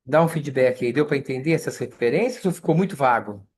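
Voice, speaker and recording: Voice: mid-range voice, expressive, a little fast, darkish tone, breathy edge. A study group leader with a Brazilian Portuguese accent gives an online scripture lesson over a video call, speaking conversationally and often checking in with listeners.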